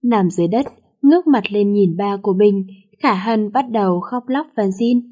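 A woman reading a romance novel aloud in a steady storytelling manner. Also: mid-range voice, normal speed. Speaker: audiobook narrator.

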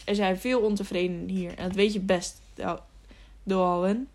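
A woman's voice: medium pitch, fairly even intonation, normal speed, darkish tone, lightly acted. A woman reading the part of a fiery, rebellious grown man in an audiobook, with a scornful, urgent delivery. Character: rebellious adult male townsman, fiery.

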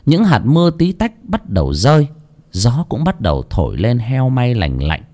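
A man's voice: medium pitch, sing-song, moderate pace, mellow. A man narrating a village ghost story in a dramatic, suspenseful way.

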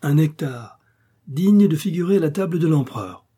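A man's voice: fairly high pitch, expressive, moderate pace, mellow, breathy edge, pitched above the performer's own voice. A man voicing a mysterious male stranger at the door, speaking in a sly, mocking way.

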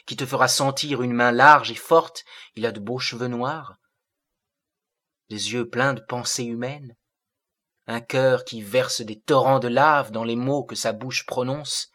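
A grave, aloof seraphic being, as a male reader puts him on, delivering solemn and lofty lines. The voice is bright and clear at a middling pitch, and it moves slowly and deliberately. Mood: urgent.

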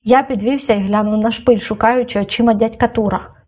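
A woman reads a children's novel aloud in scripted audiobook narration. Her voice sits fairly high for a woman. She keeps a steady storytelling delivery. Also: a little fast. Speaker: audiobook reader.

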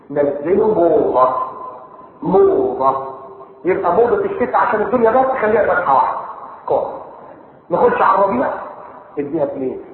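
A man preaching in colloquial Egyptian Arabic, animated and mocking, acting out little dialogues with his audience. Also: high-pitched. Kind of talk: colloquial sermon. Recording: echoey hall, thin phone-like sound, faint noise.

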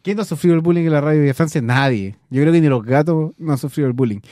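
A Chilean man co-hosts a late-night community radio show, joking his way through banter and coaching his partner on a prank call. His voice sits a bit high but sounds mellow and dark. The studio sound is dry and close. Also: racing, no room sound. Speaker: radio co-host.

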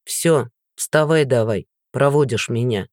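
A man voicing a calm, scornful ex-cop guard who speaks in a mocking, unhurried way. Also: medium pitch, no room sound, clean studio sound, pitched below the performer's own voice, close to an everyday voice.

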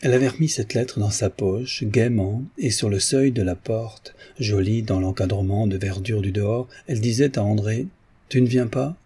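A man reading a classic novel aloud as an audiobook narrator in a measured, literary way. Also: fairly low pitch, warm tone, breathy edge.

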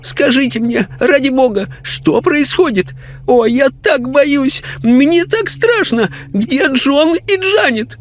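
A man voicing a frightened, bossy elderly lady spirit who talks in a shrill, panicky, scolding way. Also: expressive, slow pace, exaggerated voice. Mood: panicked.

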